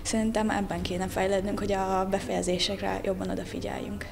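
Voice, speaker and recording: Flat-toned young woman, noisy background. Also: mid-range voice. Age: young adult. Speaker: football player. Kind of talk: post-match interview. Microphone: handheld interview microphone. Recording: clearly noisy background ambience.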